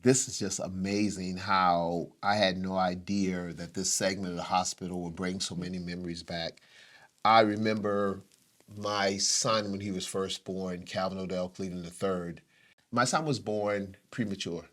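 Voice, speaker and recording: A middle-aged man sharing a personal story on a talk show. He speaks with deep feeling, and his voice rises higher and louder whenever the story grows intense. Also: steady tone, moderate pace. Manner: emotional, rises in pitch when retelling intense moments. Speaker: co-host.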